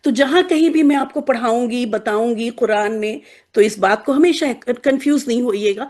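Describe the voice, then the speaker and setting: In a classroom lesson on Arabic letters, a woman with a strikingly high, darkish voice explains patiently. She uses playful examples, turning the letters into little characters, and checks in often to make sure her students are keeping up.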